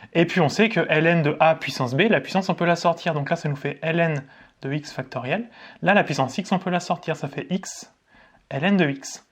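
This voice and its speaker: Casual higher-voiced man teaching maths. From France. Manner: casual, thinks aloud, asks and answers his own questions. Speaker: maths tutor. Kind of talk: explaining a maths lesson at a board. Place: indoors in front of a board.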